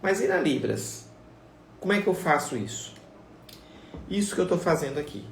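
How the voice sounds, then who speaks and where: A man's voice: on the high side, lively intonation, normal speed, vocal fry, slight background noise. A man gives a casual live-stream lesson as a sign language teacher, talking straight to viewers and repeating his points. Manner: repetitive, conversational, addresses viewers directly. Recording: echoey room, voice far from the mic, faint ambience.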